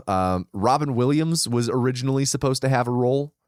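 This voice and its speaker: On the film podcast he co-hosts, this man relays researched behind-the-scenes trivia casually, often using fillers and starting over. He speaks briskly with lively intonation in a medium-pitched, slightly mellow voice, captured in a clean studio without echo.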